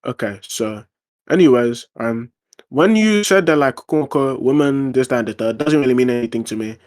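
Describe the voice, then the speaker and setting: With lively intonation and a darkish, mid-range voice, a man debates casually online at a moderate pace. He argues his case while often restarting and leaning on fillers.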